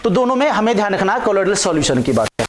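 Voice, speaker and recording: High-voiced man teaching chemistry. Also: big pitch swings, rapid-fire, reverberant, background noise. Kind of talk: classroom lecture on chemistry.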